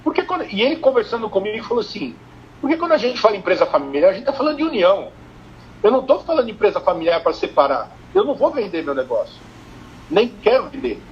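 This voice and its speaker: Man, older, Brazilian Portuguese accent, high-pitched, lively storyteller, lo-fi stream with faint noise. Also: fast talker. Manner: lively storytelling, acting out quoted dialogue. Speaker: family business consultant. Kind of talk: live-streamed interview.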